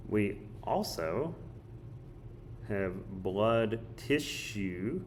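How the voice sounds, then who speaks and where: A man teaching with a somewhat low, slightly hoarse voice. He talks casually and thinks aloud while he draws and writes. A faint hiss sits under the recording. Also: lively intonation, extremely slow. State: hoarse, coughing. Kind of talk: recorded study guide walkthrough.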